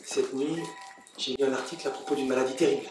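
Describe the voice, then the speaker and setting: A man's voice: mid-range voice, steady tone, fast, darkish tone, distant mic, slight background noise, natural voice. A man playing an anxious, earnest, restless man. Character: Simon Labrosse, anxious, restless jobless man. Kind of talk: stage play acting. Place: theatre stage. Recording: very echoey stage from afar.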